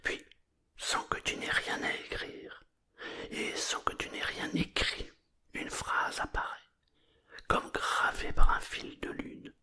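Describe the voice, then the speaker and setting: Gentle pauses fall between the phrases as a narrator murmurs a bedtime story. The whisper is breathy, quiet, and calming.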